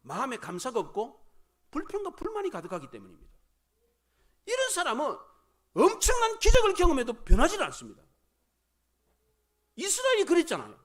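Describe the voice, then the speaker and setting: A middle-aged man preaching a Sunday sermon as pastor in a church, animated, rising and dropping for emphasis and acting out grumbling crowd voices. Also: very high voice. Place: church sanctuary.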